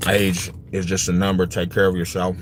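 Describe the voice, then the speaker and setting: A man in his forties hosts a livestream, chatting casually with viewers in slangy talk and often repeating his phrases as he answers them. His voice is deep and completely flat, at a normal speed. Noticeable background noise runs under the recording.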